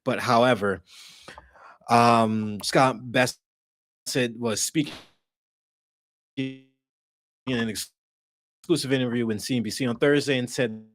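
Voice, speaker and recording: A man co-hosting a casual political chat over a video call, his audio cutting in and out so his phrases come through broken and halting. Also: medium pitch, steady tone, fairly bright tone, a little hiss or hum, low-quality recording. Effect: audio cutting in and out over a bad connection. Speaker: podcast co-host.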